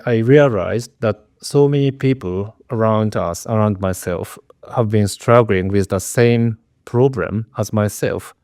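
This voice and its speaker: A middle-aged Japanese researcher answers interview questions earnestly, with careful preparation, a Japanese accent, and frequent restarts that make him sound a little nervous. His voice is lowish and darkish, recorded in studio quality with no echo.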